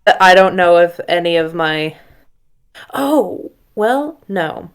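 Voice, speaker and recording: Slow, smooth-voiced woman player. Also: on the low side, lively intonation. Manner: hesitant, thinking aloud. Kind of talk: casual tabletop play.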